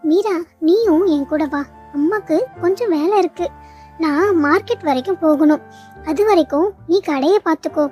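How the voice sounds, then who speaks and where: Woman doing a very high-voiced kind sparrow mother, gentle, motherly, cartoon. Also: moderate pace, soft background music. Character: kind sparrow mother running a samosa shop. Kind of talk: cartoon voice acting.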